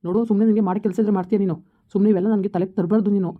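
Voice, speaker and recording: A woman's voice: medium pitch, steady tone, rapid-fire, lightly acted. Brief: woman voicing irritable husband, curt manner, tinny sound. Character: gruff village husband, impatient.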